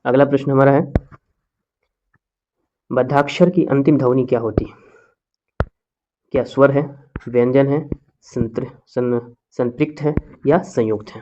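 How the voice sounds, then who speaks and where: A male teacher leads an exam-prep lesson at a moderate, mid-range pitch. He poses each question aloud, then answers it himself, repeating key terms to drill them. The recording sounds somewhat dull and lo-fi. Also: steady tone, moderate pace, pauses often, warm tone, slight background noise.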